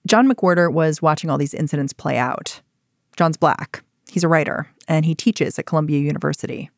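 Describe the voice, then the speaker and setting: A woman hosting a narrative podcast, telling the story in a measured way and asking probing questions. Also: low voice, gravelly, no echo. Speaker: podcast host. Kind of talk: scripted narration and interview. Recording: dry studio sound with music.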